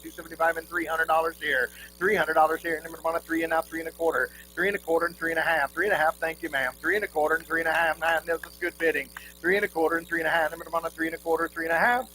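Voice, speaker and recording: A male auctioneer delivers a rhythmic bid-calling chant, looping numbers over and over with the odd folksy aside. His voice sits fairly high and stays within a narrow, steady range. It is a live recording with a clear hum behind him. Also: very fast, few pauses. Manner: repetitive rolling number patter, folksy asides to the crowd.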